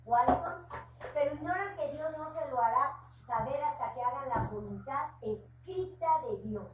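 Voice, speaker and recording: At a home church meeting, a Mexican-accented woman speaks in a high voice at normal speed, delivering an informal, heartfelt sermon sprinkled with down-to-earth personal remarks. Captured from afar in an echoey, noisy room.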